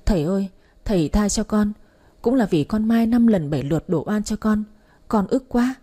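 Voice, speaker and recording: A woman's voice: mid-range voice, animated, moderate pace, mellow, breathy edge. A woman reading the part of a desperate daughter-in-law who pleads tearfully for mercy. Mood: pleading.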